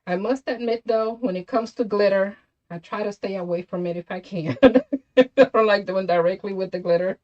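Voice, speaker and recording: A woman's voice: medium pitch, moderate pace, darkish tone, lo-fi sound. A woman hosting a craft tutorial, chatting casually with viewers by name and laughing often. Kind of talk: casual livestream crafting chat.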